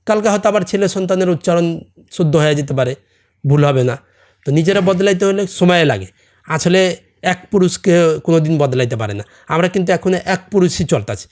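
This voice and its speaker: Earnest middle-aged man, non-native Bengali accent. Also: high-pitched. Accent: non-native Bengali, from a Hindi-speaking camp community. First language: Hindi. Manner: earnest, presses with rhetorical questions like "understand?". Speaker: podcast guest, salon owner. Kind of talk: casual chat.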